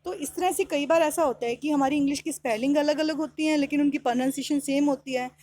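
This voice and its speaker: A woman gives a classroom lesson in a high voice, explaining in Hindi. She reads English sentences slowly and spells words out letter by letter. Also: a little mellow. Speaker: English teacher.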